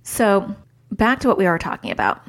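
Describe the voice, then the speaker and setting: A woman's voice: medium pitch, huge pitch swings, normal speed. A woman in her thirties talks through a solo parenting podcast in a loose, chatty way. She drifts off track, leans on filler words, and keeps the advice plain and practical. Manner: chatty, wanders off track, lots of "like" and "super". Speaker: podcast host, child therapist.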